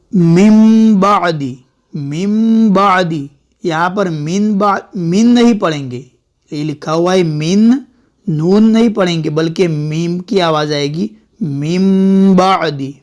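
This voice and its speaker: A man's voice: high-pitched, a little mellow. A man teaching Quran reading step by step, patiently repeating words and sounding out each syllable. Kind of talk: step-by-step recitation lesson.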